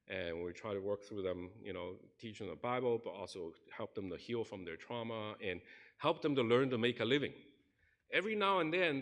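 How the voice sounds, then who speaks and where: This pastor's voice sits lowish and carries a fairly bright tone. Standing in the church sanctuary, he earnestly tells a story during his sermon, giving voice to each person he quotes.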